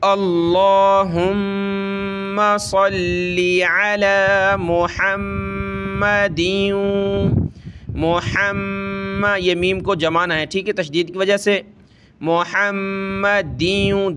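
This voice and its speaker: A man teaches Quran recitation step by step, rapidly explaining letter sounds before reciting each phrase slowly and drawn out. His voice is high, a bit bright, and fairly even in intonation, with a little hiss or hum in the audio.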